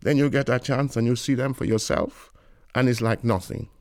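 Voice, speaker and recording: A man reading a novel aloud in a lilting, expressive storytelling manner. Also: medium pitch, normal speed, no room sound, studio quality. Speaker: reader.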